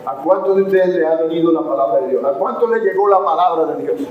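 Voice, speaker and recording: High-voiced emphatic male preacher, echoey room. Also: narrow, tinny audio. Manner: emphatic, rises and shouts at climaxes, slows for stress. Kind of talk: sermon and closing prayer. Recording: echoey room, faint noise.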